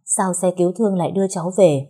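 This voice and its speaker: A woman voicing a kindly older female neighbor who asks quick, gentle questions. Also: on the low side, slightly rough. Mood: concerned.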